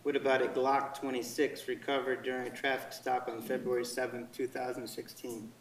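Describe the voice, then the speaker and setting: A man's voice: medium pitch, level tone, a little fast. Echoey, distant man questioning a witness. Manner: methodical, formal questioning. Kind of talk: courtroom direct examination. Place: indoor courtroom. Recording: echoey courtroom, distant microphone.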